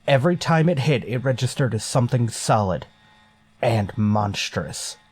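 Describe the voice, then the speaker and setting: A stern, commanding starship captain. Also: male voice, medium pitch, expressive, normal speed, a little mellow, breathy edge. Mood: grim, wary. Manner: commanding, clipped. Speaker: actor. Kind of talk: golden age sci-fi radio drama acting.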